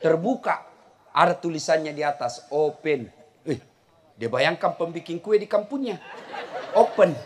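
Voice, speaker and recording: A middle-aged man giving a humorous sermon to a live audience, telling stories and shouting the punchlines. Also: a little high, measured pace, long pauses. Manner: animated storytelling, shouting punchlines with laughter. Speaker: preacher. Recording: live event with crowd and faint noise. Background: crowd laughter.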